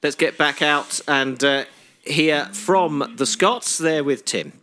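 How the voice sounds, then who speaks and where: A man commentating live on a sailing race, steady and informative, with frequent "uh" fillers. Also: a little high, slow.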